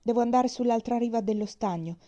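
A woman voicing a sly, persuasive male scorpion from a fable, speaking in a smooth, coaxing way. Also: a little high, fairly quick, mellow, muffled recording, pitched above the performer's own voice, lightly acted.

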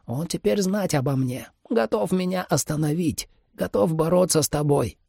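A man's voice: fairly high pitch, normal speed, vocal fry, warm tone, husky, dry recording, studio quality, pitched above the performer's own voice. Man voicing a quavering old ghost mentor. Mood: scolding. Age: older. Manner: broken grammar, foreign-sounding, quavering. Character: old male ghost mentor, broken speech.

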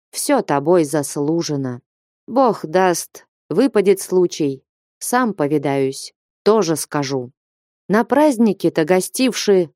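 A woman reading the part of a stern older merchant who lectures and commands a young man in slow, weighty warnings. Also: on the low side, warm tone, dry recording, clean studio sound.

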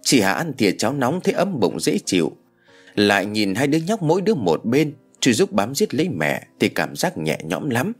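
A man narrating an audio story in an expressive storytelling manner. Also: medium pitch, moderate pace, husky. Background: soft background music.

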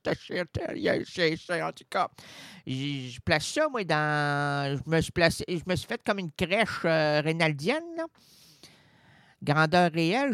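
A man with a Quebec French accent delivering a rambling, absurd comic monologue on radio, swinging between loud outbursts and mutters. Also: on the high side, no room sound. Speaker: radio comedian. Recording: dry radio studio.

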